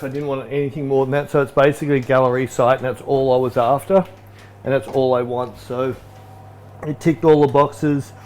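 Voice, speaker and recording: Australian male host, relaxed rambling chat, light background noise. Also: mid-range voice. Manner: laid-back, rambling, laughs easily. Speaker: photographer hosting a live stream. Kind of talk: casual chat while cooking. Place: home kitchen in a wooden cabin.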